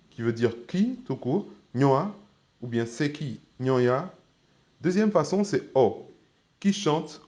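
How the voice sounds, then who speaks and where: A man teaching an online language lesson, patient, repeating each word slowly with careful tones. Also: mid-range voice, darkish tone. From Côte d'Ivoire.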